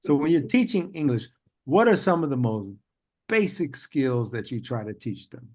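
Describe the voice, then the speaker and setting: A man hosts an interview podcast, chatting casually and drifting into long, rambling stories punctuated by frequent laughter. His mid-range voice is animated and darkish in tone, moving at a moderate pace.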